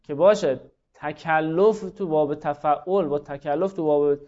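A man's voice: a little high, darkish tone. A man teaching a class, explaining step by step, often repeating himself and putting questions to his students. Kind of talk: classroom lecture. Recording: dull lo-fi recording.

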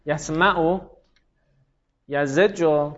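A man teaching a grammar class, quizzing students on their answers, praising them and explaining rules briskly. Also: fairly high pitch, fairly bright tone, highs cut off. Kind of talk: classroom lesson with student drills.

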